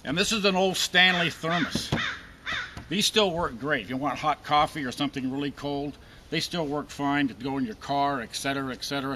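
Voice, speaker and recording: Older man showing gear, folksy and bright. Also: fairly high pitch, a little hiss or hum. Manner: folksy, dry joking. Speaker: outdoor gear collector. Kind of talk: casual show-and-tell chat. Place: outdoors in a wooded park.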